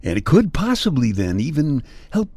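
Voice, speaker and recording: A man's voice: on the high side, wildly swooping pitch, normal speed, mellow, no room sound. An older man hosting a podcast in a playful, folksy monologue with mock-grumbling humor. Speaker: podcast host. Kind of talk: personal humorous storytelling monologue.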